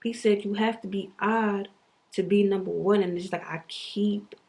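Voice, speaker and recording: A woman's voice: mid-range voice, steady tone, moderate pace, vocal fry, darkish tone. A young woman vlogging a candid, reflective monologue, emphatic and full of profanity and restarts.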